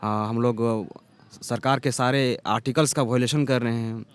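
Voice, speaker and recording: A young man, a protesting exam candidate, speaking earnestly and aggrieved in a street interview, pausing often with fillers. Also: mid-range voice, fairly even intonation, smooth. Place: outdoors at a protest site.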